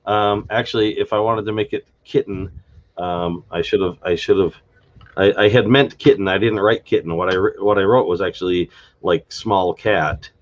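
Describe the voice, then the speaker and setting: A man's voice: deep voice, normal speed, highs cut off. A man hosting an unscripted live stream, thinking aloud with many fillers and restarts as he explains a made-up language.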